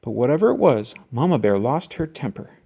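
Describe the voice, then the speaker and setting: Very animated children's storybook reader. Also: mid-range voice, vocal fry, husky. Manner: expressive, emphatic reading with drawn-out key words. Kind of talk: scripted children's storybook narration.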